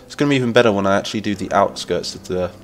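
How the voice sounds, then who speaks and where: Racing along in a fairly low voice, with a little hiss or hum on the recording, an English-accented man from Lincolnshire chats on a live stream as he games. He's nasal from a cold, enthusiastic and rambling, and reads the chat aloud.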